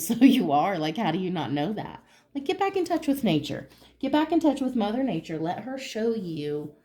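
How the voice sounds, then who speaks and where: A woman giving a pick-a-card tarot reading, talking straight to the viewer in an excitable, emphatic and encouraging way, cussing casually as she goes. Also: mid-range voice.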